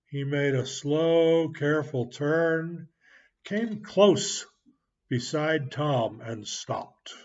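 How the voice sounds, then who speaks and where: A man reading a story aloud calmly and deliberately for learners, on a muffled recording. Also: on the high side. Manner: calm, deliberate, clearly spaced. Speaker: narrator.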